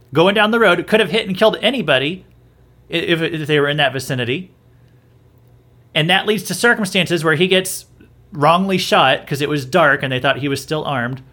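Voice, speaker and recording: Man host, bright tense tone, slightly higher voice, chatty opinion talk with restarts. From southern United States. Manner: conversational, repeats himself and restarts often. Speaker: podcast host. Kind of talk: opinionated commentary.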